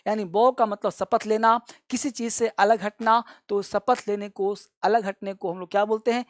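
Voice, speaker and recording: A man speaks in a high-pitched, steady tone at normal speed, in studio-quality audio with no room sound. He's teaching English vocabulary like a classroom lesson, repeating words and getting students to repeat them. He addresses viewers tenderly as his children.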